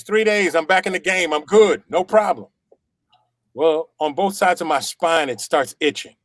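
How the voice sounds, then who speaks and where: An animated middle-aged man tells his story in a fairly high voice. He circles back on phrases for emphasis and acts out the voices of the people in it. The sound is close and dry, with no room in it. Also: no echo. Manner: acts out quoted dialogue. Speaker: testimonial guest. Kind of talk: personal storytelling.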